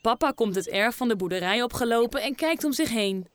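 A woman narrating a children's story slowly and expressively. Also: a little high, expressive.

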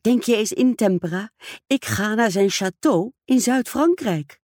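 A woman reading aloud, voicing a vain, excitable society stepmother who gushes and speaks self-importantly. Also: medium pitch, unhurried, no echo, clean studio sound, voice pushed up. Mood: excited. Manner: gushing, self-absorbed, exclamatory.

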